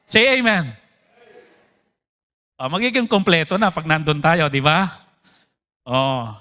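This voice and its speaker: A Filipino man preaching a sermon as pastor, switching between Tagalog and English and asking the congregation questions. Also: takes it slowly. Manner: animated, jumps in pitch for emphasis.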